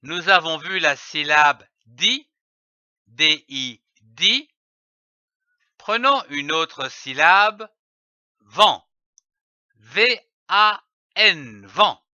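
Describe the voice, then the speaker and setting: Male phonics teacher, slow and careful, bright lively voice, dry lo-fi voice-over. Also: a little high, no room sound. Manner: spells out letters and syllables carefully. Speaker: reading teacher. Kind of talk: slow, deliberate phonics lesson.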